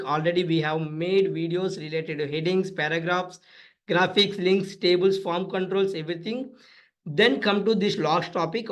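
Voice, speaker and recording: A tutorial instructor with an Indian accent walks listeners through a coding lesson step by step, repeating phrases and calling them friends. His voice sits high and is fairly bright, though the audio quality is poor.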